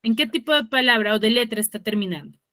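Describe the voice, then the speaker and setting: A woman teacher explaining over a video call, often checking understanding with quick tag questions and correcting herself mid-sentence. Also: on the high side, expressive, sharp tone, dry recording, studio quality. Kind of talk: online class explanation.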